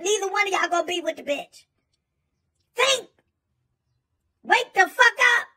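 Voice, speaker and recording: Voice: extremely high pitch, pushed and bright, distant mic, full character voice. A performer voicing a profane male monkey who preaches blunt advice in a comic rant. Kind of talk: comedic monologue.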